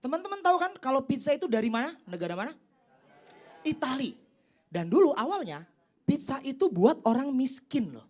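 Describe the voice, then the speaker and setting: A young man performing a stand-up comedy set on stage, teasing the crowd and leaping up in pitch for his punchlines. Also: big pitch swings, brisk, a little mellow. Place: comedy stage before a live audience. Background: audience laughter and applause.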